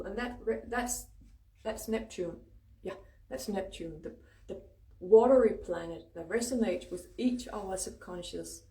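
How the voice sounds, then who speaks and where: This woman has a mid-range voice with a dark tone and a Danish accent, Danish being her native language. She hosts a casual, emphatic spiritual talk and swears freely, recorded in an echoey space from a distance.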